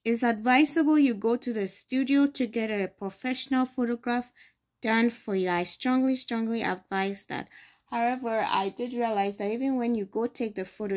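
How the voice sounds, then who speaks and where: With a fairly high pitch and a darkish tone, a young Ghanaian woman in early adulthood walks viewers patiently through each step of a phone tutorial she is screen-recording as host.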